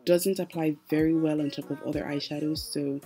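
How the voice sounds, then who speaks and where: Her voice is low and mellow, her pace brisk, and her intonation fairly steady as she hosts a relaxed makeup tutorial voice-over. She addresses viewers directly in a chatty, explanatory manner while music plays underneath.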